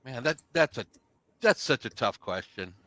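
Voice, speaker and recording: A man co-hosting a casual sports talk show, animated and jokey, laughing easily as he answers. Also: medium pitch, normal speed, no echo. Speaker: podcast co-host.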